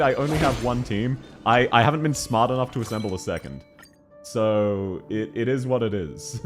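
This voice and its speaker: A man chatting casually on a gaming livestream, answering viewers as he plays in a chatty, giggly way. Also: mid-range voice. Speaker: livestreamer playing a game. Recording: game music behind the voice. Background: video game music.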